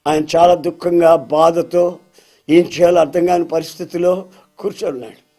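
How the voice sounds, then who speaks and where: Man preacher, high voice, storytelling sermon, addresses brothers. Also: fairly even intonation, moderate pace, warm tone, soft background music.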